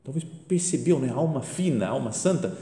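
A Brazilian priest delivers a conversational homily near the tabernacle in a church chapel, his mid-range, fairly quick voice mellow and soft-edged. His speech swings widely and animatedly, lively and chatty with frequent rhetorical questions, and the reverberant hall gives it a long, roomy echo.

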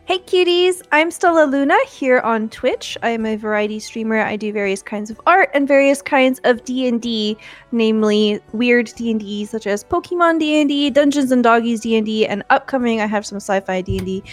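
A woman's voice: fairly high pitch, moderate pace, soft background music. A woman playing a tabletop game and streaming, chatting casually in and out of role in a playful, exclamatory way. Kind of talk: casual role-play chat.

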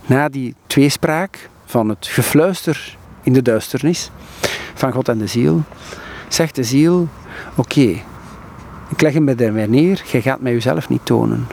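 A man's voice: mid-range voice, vocal fry, a little mellow, slight background noise. A Flemish man in his thirties, a scholar explaining at length in an interview, earnest and searching for words. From Belgium. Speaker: scholar of mysticism, interview guest.

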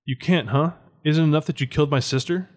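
A man's voice: fairly high pitch, fast talker, darkish tone, lightly acted. A man voicing a wary, bitter female salvager in a tabletop game, speaking in blunt, curt commands.

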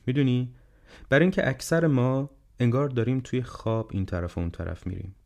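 A man voicing a gentle, wise, ailing old male professor in an audiobook, speaking calmly and reflectively. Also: medium pitch, vocal fry, pitched above the performer's own voice, natural voice. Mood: earnest. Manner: calm, reflective, unhurried counsel. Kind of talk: audiobook character reading.

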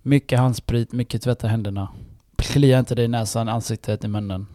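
A young man co-hosting a casual podcast, telling stories with animated delivery. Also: medium pitch, no room sound, clean studio sound. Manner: animated storyteller, acts out voices. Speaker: podcast co-host.

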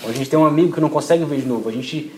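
Racing through his words in a voice on the high side, a young preacher gives a casual sermon with slang, acting out quoted prayers. The sound is echoey, with faint ambient noise.

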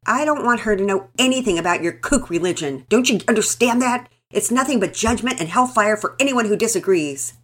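A woman voicing an angry, hostile neighbor woman who shouts in indignation. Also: on the high side, animated, fairly quick, few pauses, pitched above the performer's own voice. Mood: furious.

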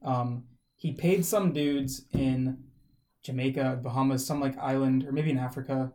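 A man's voice: mid-range voice, fairly even intonation, moderate pace, mellow. A man co-hosting a podcast, talking casually and rambling with many fillers and restarts. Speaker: podcast co-host. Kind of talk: casual chat.

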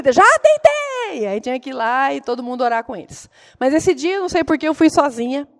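A middle-aged woman delivers an earnest sermon. She tells family stories with open emotion in a fairly high voice. Her tone stays heartfelt and direct. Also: a little mellow. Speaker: preacher and mother.

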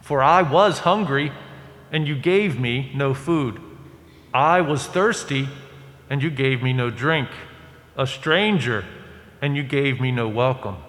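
A male priest reading the Gospel aloud in measured, formal phrases, with cathedral echo around his voice. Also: mid-range voice, a bit bright. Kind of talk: liturgical Scripture reading. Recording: echoey church with long reverb.

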